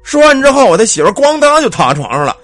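A man's voice: very high voice, sing-song, fast talker, a bit bright, dry recording, faint music behind. A man telling a ghost story in a chatty, colloquial way, speaking straight to his listeners.

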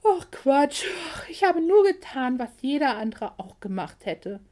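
A woman voicing an excitable, scatterbrained young heroine in a storybook reading, lively and easily flustered. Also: high-pitched, a little slow.

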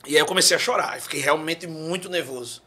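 Husky bright-voiced Paraíba storyteller man. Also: on the high side, fast. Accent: Paraíba Northeastern Brazilian. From João Pessoa, Paraíba, Brazil. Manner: acts out quotes, bursts into song. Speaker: podcast guest. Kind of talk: animated storytelling.

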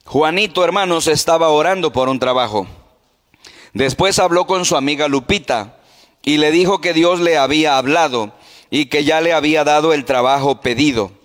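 A man preaching as a pastor, voice a touch high for a man, asking the congregation question after question. His voice rings with a long reverb through a church hall. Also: moderate pace. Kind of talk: sermon.

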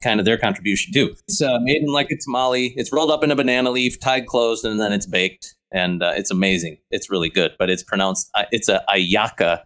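A man's voice: lowish voice, brisk, few pauses. A middle-aged man co-hosting a podcast, telling funny stories in casual chat and acting out the voices of people he quotes. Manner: animated storyteller, acts out quoted voices. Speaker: podcast co-host.

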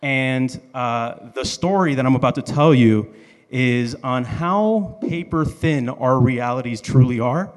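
A man from the Dominican Republic and Miami, USA, tells a personal story on stage, joking and informal. His medium-pitched voice is unhurried, and the live hall is reverberant.

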